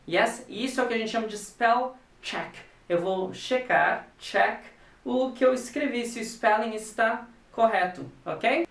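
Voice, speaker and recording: Playful teacher, echoey room. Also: male voice, very high-pitched, a little slow, vocal fry. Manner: playful, animated, spells out letters. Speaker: English teacher. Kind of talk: casual video lesson. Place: home. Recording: echoey room, distant mic.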